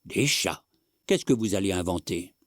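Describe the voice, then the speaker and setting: Give me a man playing an impatient, scolding wife in a storybook reading, low and dry. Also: animated, moderate pace, dry recording. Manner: sharp, scolding.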